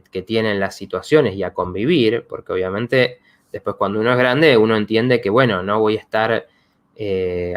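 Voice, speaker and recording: A man, hosting a psychology live stream and talking in a reflective way with many fillers and restarts. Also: on the low side. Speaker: psychologist host.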